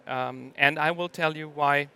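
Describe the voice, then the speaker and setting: A middle-aged man giving a conference talk, stopping often to hesitate. His voice sits fairly high and sounds bright, clear and crisp through the microphone. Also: steady tone, measured pace. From Germany. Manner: hesitant, many ums and uhs. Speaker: conference speaker.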